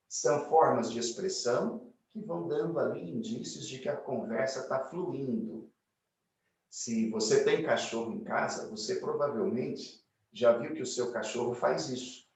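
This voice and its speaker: A man's voice: mid-range voice, gravelly, a little mellow, distant mic. A man giving a motivational lecture on communication, asking the audience rhetorical questions and acting out little quoted lines. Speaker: speaker giving a corporate talk. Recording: very echoey room, mic set back.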